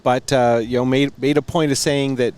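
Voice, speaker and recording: A man co-hosting a motorsport podcast in casual chat, speaking in a measured, dry way with some hesitations. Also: mid-range voice, little pitch movement, darkish tone, clean tone. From Canada. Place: outdoor observation deck at a speedway.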